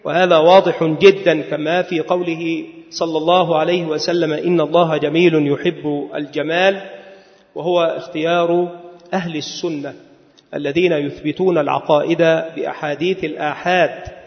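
A man giving a religious lecture at a measured pace, now and then drawing words out in a chanting lilt. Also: a little high, steady tone. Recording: long hall reverb, dull lo-fi sound.

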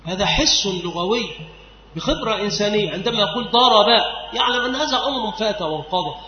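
A man's voice: lively intonation, quick pace, a little hiss or hum. Man teaching grammar in an echoing hall. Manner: patient, repeats and drills example words. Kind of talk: classical grammar lesson. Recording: echoey hall, dull low-fi sound.

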